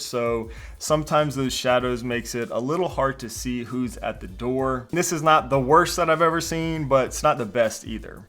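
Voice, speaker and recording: A man's voice: mid-range voice, fairly bright tone. A man giving a casual walkthrough review of a video doorbell, explaining features with the odd filler word. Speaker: tech product reviewer.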